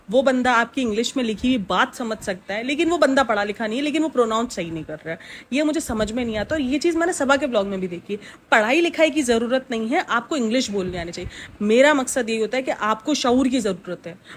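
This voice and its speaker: A woman's voice: fairly high pitch, a little hiss or hum. Chatty woman vlogger, rambling. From Pakistan. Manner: chatty, rambling, with many fillers. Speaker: reaction vlogger. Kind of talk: casual reaction commentary.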